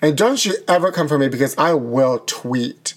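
A man's voice: mid-range voice, expressive, normal speed. Campy theatrical man hosting a comedy podcast. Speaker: podcast co-host. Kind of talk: improvised comedy sketch and sign-off.

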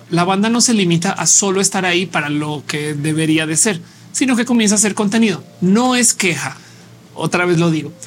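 A man's voice: high voice, a little hiss or hum. A man with a Mexican Spanish accent hosting a casual live show, thinking aloud in a conversational way and reading viewer comments.

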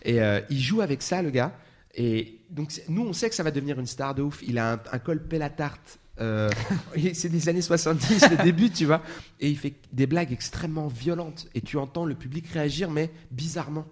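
A man's voice: a little high, brisk. A man chatting on a podcast, telling stories with enthusiasm. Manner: enthusiastic, animated retelling with acted-out quotes. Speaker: podcast co-host. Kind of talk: casual chat.

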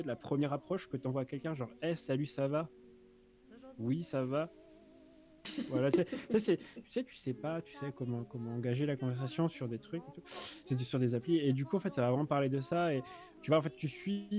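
A man's voice: mid-range voice, dark tone. A man from France chatting casually on a live stream, reviewing a comic book with lots of fillers and restarts. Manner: rambling, many fillers and restarts. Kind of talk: casual joking chat.

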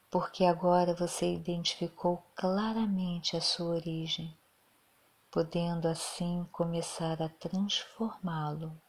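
A woman leads a meditation in a soft, soothing voice, pacing herself slowly and drawing words out. Her pitch sits a little low, and she often slips into breathy half-whispers.

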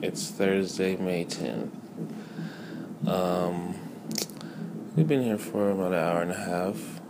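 Male vlogger, low-pitched and halting, casual update recorded at a hospital over noisy ambience. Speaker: expectant father filming vlog updates. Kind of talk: casual chat, vlog update. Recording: noisy background room ambience.

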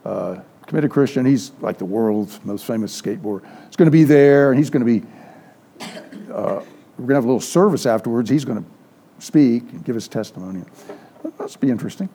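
A man's voice: medium pitch, fairly quick, husky. An older man teaching a church Sunday school class, telling anecdotes and acting out the dialogue. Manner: lively storyteller, acts out quoted dialogue. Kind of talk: informal sermon with storytelling.

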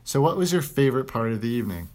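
A man co-hosting a podcast, chatting casually with deadpan, wry asides. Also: mid-range voice, very fast. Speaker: podcast co-host. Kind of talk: casual chat.

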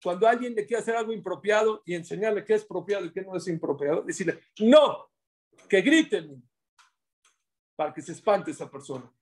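A man giving a religious class, preaching in an animated way and acting out the quotes in his stories. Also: sits high, fast, few pauses. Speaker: religious teacher.

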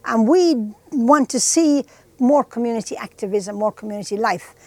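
A woman's voice: fairly high pitch, expressive, normal speed, a little mellow, dry recording. An Irish-accented woman giving her opinions emphatically in an interview, as a community activist.

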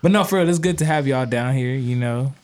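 A man's voice: mid-range voice, fairly quick, darkish tone. Teasing, profane male podcast host. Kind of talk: casual chat.

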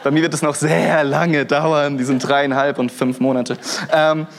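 Here a young man with a fairly high, unhurried voice gives a sermon as a pastor. His delivery is casual, energetic, lively, and colloquial, marked by frequent restarts, interjections, and "hey"s.

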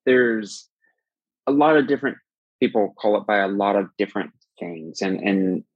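Give me a man with a low, breathy voice, talking through ideas as a podcast guest. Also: expressive, moderate pace, dry recording, dull audio. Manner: thoughtful, frequent restarts and fillers. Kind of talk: conversational explanation.

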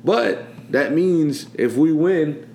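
A man's voice: fairly high pitch, animated, slow pace, a little mellow. A man hosting a casual sports podcast, talking in a rambling, chatty way and often asking "you know what I'm saying.". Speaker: podcast host. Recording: echoey room, faint background noise.

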